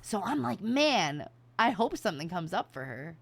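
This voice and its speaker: A VTuber streamer talks casually to her viewers, very animated and at a moderate pace, her pitch swinging widely as she makes emphatic points and swears freely. Her fairly bright tone has vocal fry and a breathy edge. The sound is close and dry, with no echo and little sense of room.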